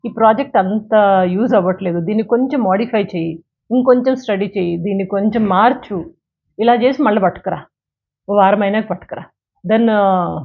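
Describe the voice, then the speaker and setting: Woman speaker with mid-range pitch, counseling an audience on a narrow, tinny recording. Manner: counsels listeners directly, with examples, mixing in English phrases. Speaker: self-help speaker. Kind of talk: motivational talk. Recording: tinny phone-like sound, faint music.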